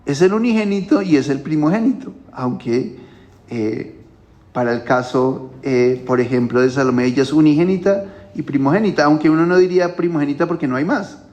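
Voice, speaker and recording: A man's voice: fairly high pitch, a little fast, a little mellow, lo-fi sound. A male pastor giving a Bible teaching at a home church, explaining things step by step and often checking in with his listeners.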